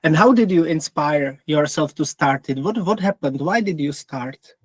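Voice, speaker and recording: A man's voice: a little high, expressive, normal speed, breathy edge, dry recording. A man from the Czech Republic hosting a podcast, asking polite, careful questions over a call. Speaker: podcast host. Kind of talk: remote interview.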